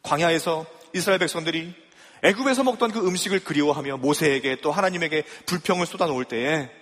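A man preaching a sermon in a fairly high voice, leaning on pointed rhetorical questions to his listeners. His words ring out with a long reverb, as if in a large church hall. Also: quick pace, fairly bright tone. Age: young adult or middle-aged father. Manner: emphatic rhetorical questions to the congregation. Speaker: pastor.

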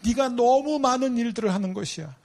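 A man voicing a gentle, patient lord who tenderly and slowly corrects a troubled woman. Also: high-pitched, lively intonation. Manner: tender, slow, searching.

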